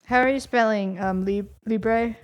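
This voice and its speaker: A woman playing along as a contestant on a casual trivia podcast, quick and teasing in her answers. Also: a little high. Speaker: quiz contestant.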